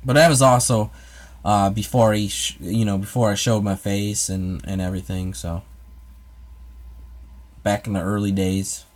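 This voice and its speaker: On his own ASMR livestream, a man from the United States casually answers viewer comments, rambling and hesitating with many fillers and restarts. His voice is on the low side with fairly even intonation, at normal speed but with long pauses.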